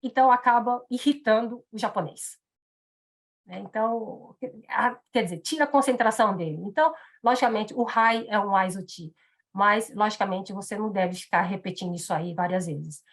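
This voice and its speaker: A woman's voice: mid-range voice, moderate pace. A woman, giving a live seminar talk on business etiquette, chatty, with many fillers and tag questions. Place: in Japan.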